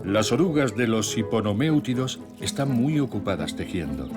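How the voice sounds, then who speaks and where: A man narrating a scripted nature documentary in a measured, solemn storytelling way. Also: on the low side, sing-song. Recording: music bed with nature sounds. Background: music, birdsong and nature sounds.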